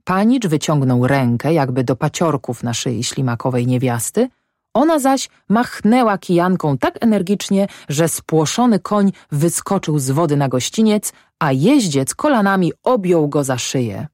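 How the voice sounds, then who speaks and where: A woman reads a classic novel aloud in a low voice for her sex, with a lively, highly varied intonation. The recording is dry and close, with no room sound. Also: moderate pace, dry recording. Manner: expressive storytelling. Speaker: audiobook narrator. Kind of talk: scripted narration of a classic novel.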